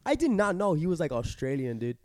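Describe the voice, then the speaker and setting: A man's voice: a little high, big pitch swings, brisk, a little mellow, no room sound, clean studio sound. A young man co-hosting a podcast in casual chat, joking, trailing off and restarting, sick with a cough. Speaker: podcast co-host.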